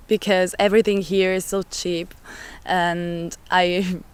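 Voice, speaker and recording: Young woman from Italy, very slow and flat, clear smooth tone. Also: lowish voice. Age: young adult. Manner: short clipped answers. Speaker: youth exchange participant.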